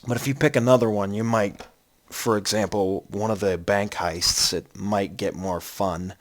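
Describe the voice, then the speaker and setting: A man's voice: lowish voice, fairly even intonation, moderate pace. A man giving an unscripted video game review from his computer. He rambles, restarts often and yawns now and then. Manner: rambling, many ums and restarts; yawning, sleepy. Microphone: computer mic.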